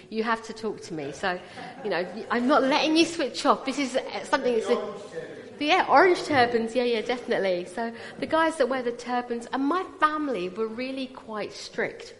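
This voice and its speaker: A woman in her 40s from Punjab, India, with a British English accent and a fairly high voice, gives a personal testimony sermon as a guest speaker at a church. Chatty and teasing, she draws the audience in, speaking into a PA mic amid the long reverb of a big echoing hall.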